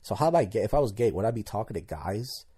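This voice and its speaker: A man's voice: on the low side, sing-song, fast talker, mellow, breathy edge. A man in his thirties hosting a solo podcast, talking casually and candidly, rambling and tripping over his words as he goes. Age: 30s. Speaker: podcast host.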